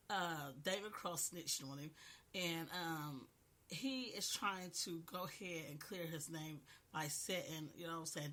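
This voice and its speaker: A woman's voice: sits low, bright, forceful tone. A woman with a cold recapping a TV episode in a casual, chatty way, often saying "you know what I'm saying.". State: has a cold, coughing. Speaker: podcast host reviewing a TV episode.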